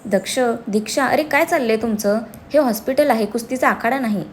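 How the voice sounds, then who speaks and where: A woman voicing a calm, level-headed young man who reasons with his friends. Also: a little high, a little fast, a little hiss or hum, close to an everyday voice. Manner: reasoning, reassuring.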